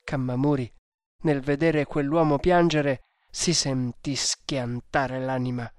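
A man reading a novel aloud as scripted audiobook narration, deliberate and measured. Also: mid-range voice, steady tone, dry recording, clean studio sound.

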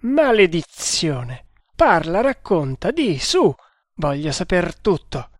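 A man's voice: on the high side, fairly even intonation, a little slow, no room sound, clean studio sound, lightly acted. A man voicing a fiercely vengeful young hero. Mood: furious. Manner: fierce, impassioned declarations. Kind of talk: audiobook character voice.

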